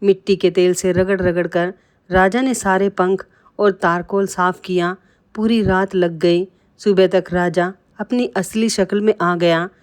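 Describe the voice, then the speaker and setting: A woman narrating a moral folk tale with scripted, steady storytelling. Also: on the low side, measured pace.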